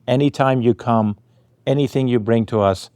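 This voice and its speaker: A man giving an earnest, reassuring sales pitch to real estate agents. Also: normal speed, a little mellow, dry recording, studio quality. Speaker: company founder addressing agents.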